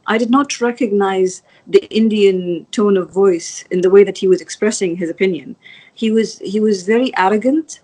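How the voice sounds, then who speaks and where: A woman's voice: mid-range voice, darkish tone, poor audio. A woman from the Emirates, a guest in an interview, speaking earnestly with many restarts and apologies. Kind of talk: video interview.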